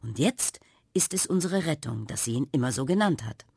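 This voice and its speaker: A woman voicing a kind, clever young girl in a children's radio story, coaxing and brisk. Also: rumbling low, expressive, creaky, darkish tone, husky, no echo, clean studio sound, full character voice. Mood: thinking aloud. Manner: coaxing, brisk and quick-thinking.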